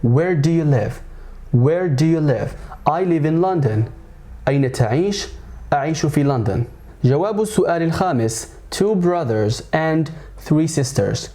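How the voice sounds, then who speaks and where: Man teaching English, slow drilled examples. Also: on the high side, mellow. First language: Arabic. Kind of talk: whiteboard language lesson.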